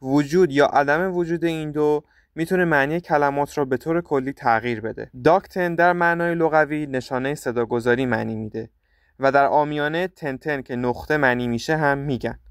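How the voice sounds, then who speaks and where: A man teaching a language lesson in scripted narration, sounding out syllables slowly and deliberately. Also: medium pitch, no echo, clean studio sound. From Iran. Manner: slow, deliberate syllable drills.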